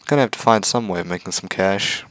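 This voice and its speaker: A man's voice: low voice, fast talker, fairly bright tone, no room sound. A man reading a visual novel aloud in a casual way, often tripping over words and correcting himself.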